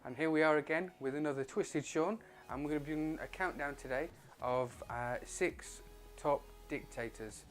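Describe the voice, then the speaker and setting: A man's voice: a little high, normal speed, few pauses, loud music behind the voice. A man hosting a vlog, talking in a loose, chatty, offhand way with lots of fillers and the odd swear word. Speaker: vlog host. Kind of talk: casual rambling commentary.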